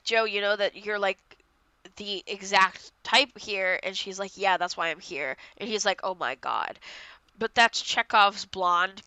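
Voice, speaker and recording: A woman's voice: mid-range voice, sharp tone, clean tone, no echo, poor audio. A woman co-hosting a podcast, congested, chatting casually and rambling through an episode recap while acting out characters' lines. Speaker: podcast co-host.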